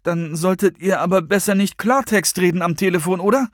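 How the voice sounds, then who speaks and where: Male narrator playing a sleepy, skeptical young woman, matter-of-fact, pitched up. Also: brisk, no room sound, studio quality. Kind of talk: audiobook character voice.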